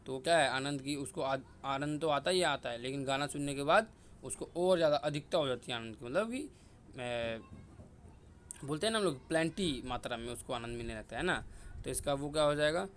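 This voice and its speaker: A young man from India teaches vocabulary for competitive exams, drilling each word again and again and tossing questions to the viewer before answering them himself. His voice sits at a middling pitch for a man. A faint hiss of noise runs under the recording. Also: brisk. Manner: repetitive, drilling words and asking himself questions. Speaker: exam-prep vocabulary teacher. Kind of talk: casual Hindi vocabulary lesson with memory tricks.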